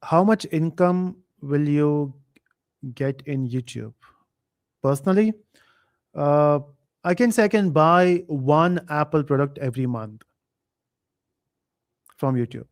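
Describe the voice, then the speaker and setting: A man runs a live quiz stream in a relaxed, chatty way. His voice sits a bit on the higher side, and he often pauses on fillers while he reads viewers' comments aloud. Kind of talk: casual live stream chat.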